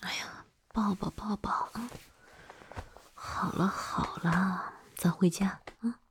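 A woman's voice: fairly low pitch, animated, measured pace, a little mellow, slight background noise. A woman voicing a hot-tempered but doting older girlfriend in whispered role-play. She swears freely and swings between scolding and coaxing. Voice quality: very breathy, husky.

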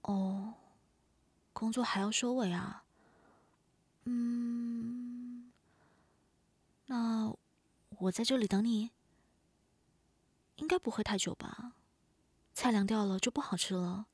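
A woman voicing a gentle, caring, softly teasing neighbor big sister in an audio role-play, speaking softly and coaxingly. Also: fairly high pitch, fairly even intonation, takes it slowly, long pauses, husky, dry recording, exaggerated voice. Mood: quiet, caring. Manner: soft, tender, coaxing.

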